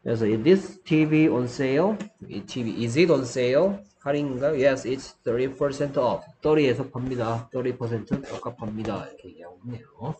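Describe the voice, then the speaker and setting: Korean guy teaching english, slow and deliberate, bit of hiss behind. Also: mid-range voice, mellow. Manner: explains in Korean, reads English examples slowly. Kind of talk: online English lesson.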